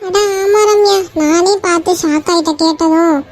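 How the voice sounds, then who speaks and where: A woman's voice: very high-pitched, steady tone, normal speed, music in the background. A woman voicing a young office woman in a cartoon, complaining and gossiping animatedly. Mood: aggrieved. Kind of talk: Tamil cartoon voice acting.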